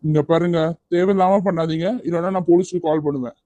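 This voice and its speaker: Voice actor playing a caring young cartoon guy, firm yet soothing, mellow tone, dry close sound. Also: medium pitch, steady tone, quick pace, no echo, dull audio, close to an everyday voice. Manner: firm yet gentle, coaxing. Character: kind, persistent young man rescuer. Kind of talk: cartoon voice acting.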